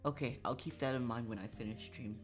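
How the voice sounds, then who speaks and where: A young adult streamer with a brisk, mid-range voice chats casually and reads a visual novel aloud during a livestream. The delivery is playful and theatrical, breaking into yelling and laughter, with music playing behind.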